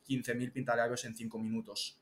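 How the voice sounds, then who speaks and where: A young man from Spain, a TikTok strategist, chatting as an interview guest and explaining things lively with examples. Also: mid-range voice, brisk, slight background noise. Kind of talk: casual interview chat. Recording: echoey room.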